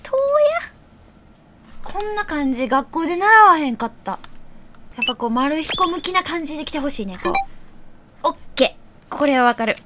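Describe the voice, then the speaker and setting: A woman game streamer with a Kansai accent, thinking aloud through a quiz in casual commentary and bursting into loud reactions. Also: sits high, lively intonation, normal speed, pauses often, noisy background.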